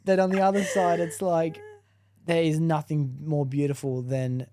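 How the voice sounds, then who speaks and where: A man's voice: fairly high pitch, flat delivery, moderate pace, a crowd in the background. Playful young man hosting a podcast. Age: 20s. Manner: playful, teasing, laughs often. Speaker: podcast host. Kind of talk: casual interview chat.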